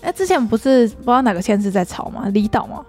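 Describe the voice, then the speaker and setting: Chatty woman, slightly high voice. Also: very animated, fast talker, a little mellow, soft background music. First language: Mandarin. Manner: chatty, laughs often, repeats words while thinking. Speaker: podcast co-host. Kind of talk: casual chat about Japanese words.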